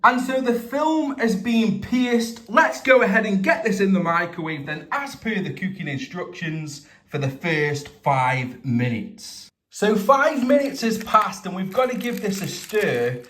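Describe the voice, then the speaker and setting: A man giving a casual food review to camera as the host, with drawn-out, emphatic presenter phrasing. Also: high-pitched, animated, a bit bright. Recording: roomy, echoey indoor sound.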